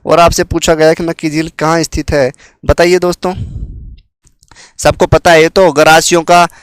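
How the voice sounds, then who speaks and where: A man's voice: on the high side, level tone, normal speed, clear, resonant tone, no echo. A male teacher running an exam-prep quiz, repeating each question and making viewers guess before he gives the answer. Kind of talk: quiz-style exam coaching.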